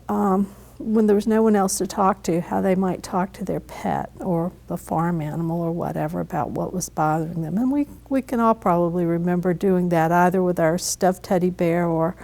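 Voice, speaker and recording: A woman's voice: lowish voice, creaky, darkish tone. A woman in an interview, explaining things in a thoughtful way. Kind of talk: documentary interview.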